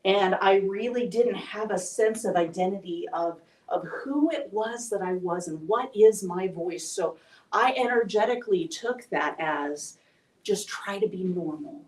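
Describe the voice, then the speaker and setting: A woman's voice: mid-range voice, unhurried. A woman telling a candid, emotional personal story to a live audience at a speaker event. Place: event hall. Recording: echoey room from a distance.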